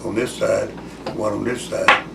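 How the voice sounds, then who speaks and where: Gravelly elderly man rambling like a grandpa. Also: lowish voice, steady tone. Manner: folksy, meandering, halting. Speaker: war veteran recalling his school days. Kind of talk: rambling grandpa story, casual reminiscence. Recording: echoey room, distant mic, loud hiss.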